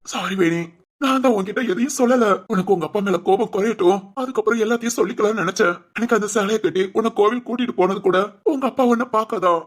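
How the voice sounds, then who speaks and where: A humble dying father in a homemade doll-film drama, voiced by a woman. His husky voice stops and restarts as he talks. He speaks gently and apologetically, short of breath. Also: medium pitch, quick pace, close to an everyday voice. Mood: gentle remorseful. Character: dying middle-aged father, humble and remorseful.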